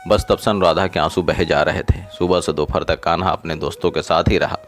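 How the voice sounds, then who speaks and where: A man narrating a short story in a steady, earnest storytelling manner, then signing off to viewers. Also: sits low, fairly quick.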